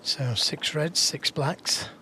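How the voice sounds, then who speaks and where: A man giving hushed, measured, analytical live snooker commentary as the co-commentator. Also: on the high side, a little hiss or hum.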